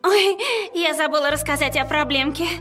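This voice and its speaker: A woman voicing a flustered, excitable, lovestruck teenage girl in a cartoon dub. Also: high voice, normal speed, soft background music.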